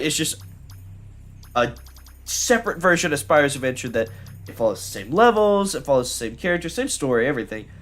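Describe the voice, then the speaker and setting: Excitable young man with a higher voice. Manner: excitable, rambling, lots of fillers and restarts. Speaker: gaming streamer. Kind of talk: live gameplay commentary.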